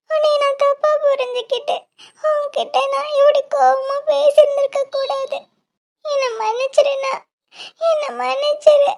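Someone voicing a tearful, very high-pitched little sister. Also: vocal fry. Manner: tearful, apologetic. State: crying. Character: remorseful young sister, tearful and sorry. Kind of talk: dubbed animation voice acting.

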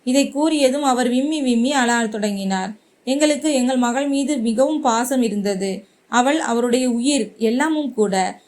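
A woman's voice: a little high, measured pace, darkish tone. A woman telling a sorrowful first-person story in an earnest, grieving way.

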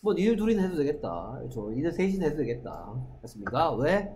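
A man teaching an English class, who models English sentences slowly and keeps checking that his students follow. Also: a little high, sing-song, darkish tone, a little hiss or hum. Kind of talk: classroom lesson. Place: school classroom.

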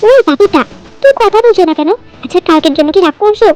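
A woman's voice: extremely high pitch, expressive, fast talker, darkish tone. A woman voicing a flustered, panicky young woman who whines and frets in a storybook tale. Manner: panicky, whiny.

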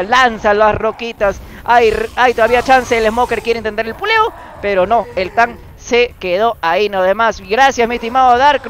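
A man with a very high voice calls a live esports match, rising into excited sing-song bursts. A faint hiss of noise sits behind him. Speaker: esports caster.

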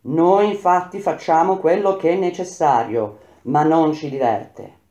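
Cold proud warrior queen voiced by a woman, curt, defiant, mellow tone, roomy echo. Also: low voice, a little slow, lo-fi sound.

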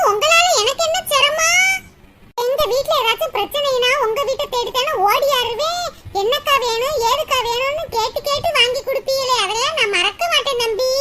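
A very high, piping cartoon neighbor lady, warm-hearted and motherly, who keeps reassuring the family she helps, as a woman acts her out. The voice sits over a loud hiss of background noise. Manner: soothing, reassuring, chatty. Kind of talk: cartoon voice acting.

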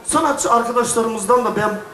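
A middle-aged man from Istanbul talks to a crowd from the stage, with a notably high voice. He is chatty and jokes at his own expense. The sound is echoey and distant, as if picked up from far across the venue. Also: moderate pace, sharp tone. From Istanbul, Turkey. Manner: chatty, joking storyteller who laughs at himself. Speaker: folk singer on stage. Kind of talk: casual stage chat to an audience. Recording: echoey venue, voice heard from afar.

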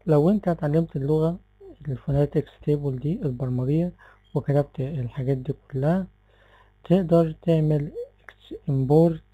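A man with an Egyptian Arabic accent gives a relaxed software tutorial, explaining step by step and often stopping to correct himself. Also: a little high, dry recording, muffled recording. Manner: relaxed, explanatory, with frequent fillers and self-corrections. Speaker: tech tutorial presenter. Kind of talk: screen-recorded software tutorial.

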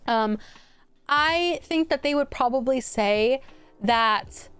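This young woman's higher voice is smooth, crisp and a bit bright, though it's turning hoarse after a long stream; she talks slowly, rambling and restarting sentences in casual commentary. She's indoors at home, using a boom-arm studio mic. The audio is dry, close and echo-free, with soft music playing in the background.

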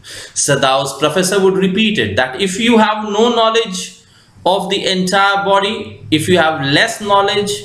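Male teacher, Indian English accent, reads and explains a text slowly, fairly high voice, echoey room. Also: fairly bright tone. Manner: slow, deliberate lecturing with frequent fillers and rephrasing. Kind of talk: reading a story aloud and explaining it.

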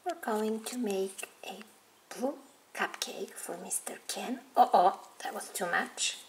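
A woman hosting a toy video, softly narrating doll play as she handles the toys. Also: medium pitch, takes it slowly. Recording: noisy home recording.

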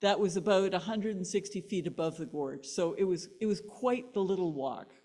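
A woman pastor, delivering a sermon as an animated story and laughing between lines. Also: fairly low pitch, moderate pace.

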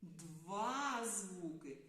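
A woman preschool teacher giving a slow, clear lesson to small children, drawing out her words in a sing-song way with long pauses. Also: fairly low pitch, animated, a bit bright. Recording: very echoey room.

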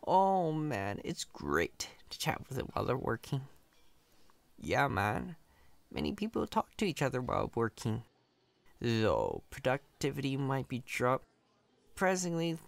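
In an ASMR roleplay, a man plays a chatty, cocky yet friendly company employee, casual, reassuring and playfully boastful, with an easygoing, friendly mood. His medium-pitched voice is exaggerated and creaky, swinging hugely in pitch at an unhurried pace, with no echo.

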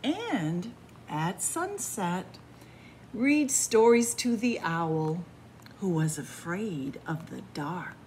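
A woman reads a children's picture book aloud at a leisurely pace. Her pitch is mid-range and moves up and down expressively, with deliberate pauses between phrases. Some room noise sits behind her. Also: darkish tone. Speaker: librarian reading picture books aloud to children. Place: indoors in a library room with bookshelves.

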